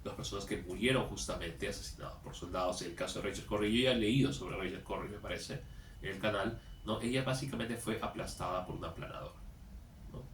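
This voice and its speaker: A man's voice: on the low side, fast, a bit bright. A tired man hosting a commentary channel, talking casually and reading a news article aloud, with many tag questions and repeated words. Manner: conversational, tags phrases with "¿no?", repeats words. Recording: echoey room, distant mic, faint noise.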